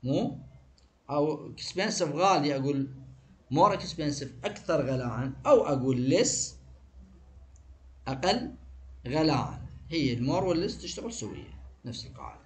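A man with an Iraqi Arabic accent teaching an exam review, firing quick questions and answering them himself. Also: on the high side, lively intonation, a little hiss or hum. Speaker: English teacher.

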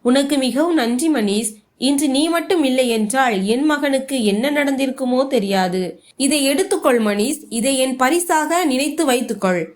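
A woman storyteller voicing a grateful, wealthy older landlord who speaks warmly and effusively. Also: sits high, animated, moderate pace.

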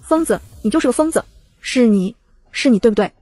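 Woman doing a frantic young heiress, shrill, high and quick, storybook. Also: animated, warm tone, no room sound. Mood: furious. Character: desperate scheming young woman, false heiress.

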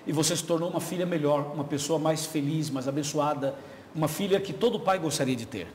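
A man's voice: fairly high pitch, fast talker. A man with a Brazilian Portuguese accent, a pastor answering viewers' questions on a live video chat in an explanatory, chatty way. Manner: warm, explanatory, chatty, laughs easily. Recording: reverberant studio with faint ambient noise.

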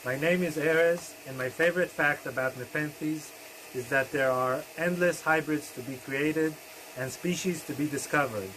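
Man, thirties, fairly high voice, on-camera greeting, slight noise. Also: normal speed, fairly bright tone, low-quality recording. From Israel. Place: greenhouse full of plants.

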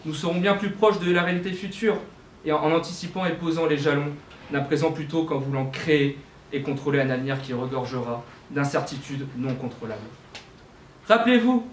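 A man's voice: a little high, a little hiss or hum. A young man delivering a student eloquence-contest speech, declaiming with rhetorical questions and small self-corrections. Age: young adult. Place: university lecture hall. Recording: roomy hall with faint ambience.

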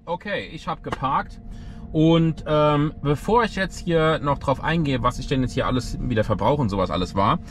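A man in his thirties talking casually to the camera from the driver's seat of his car, relaxed and full of fillers. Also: on the high side, moderate pace, a little hiss or hum. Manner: chatty, relaxed, many fillers. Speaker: vlogger. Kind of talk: casual vlog talk to camera. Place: inside a car, driving then parked. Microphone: camera mounted on the dashboard.

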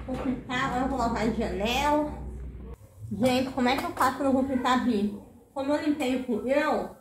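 A high-pitched woman in her thirties, speaking a little fast with a Brazilian Portuguese accent, cleans her kitchen and chats with viewers, often speaking directly to them though she sounds tired. As a home cleaning vlogger, she's filmed indoors by a camera far across the echoey room, with slight background noise.

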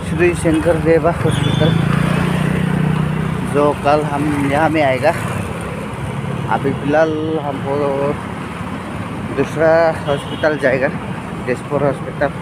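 Casual man in his thirties, slightly high voice, phone vlog on a street with loud traffic behind. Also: takes it slowly, pauses often. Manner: relaxed, chatty, tour-guide asides to viewers. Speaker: vlogger. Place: busy city street outdoors, traffic passing. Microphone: phone held at arm's length.

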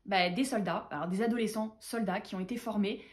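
A woman's voice: mid-range voice, fairly quick. A woman chatting enthusiastically as a book vlogger, talking through her monthly reads and haul. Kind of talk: casual book haul chat.

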